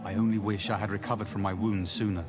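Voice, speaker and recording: A man's voice: lowish voice, little pitch movement, quick pace, lightly acted. An actor playing a deferential, formal nobleman addressing his king in a video game. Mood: deferential, earnest. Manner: formal, courtly. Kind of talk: scripted video game cutscene dialogue. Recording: game audio with music behind.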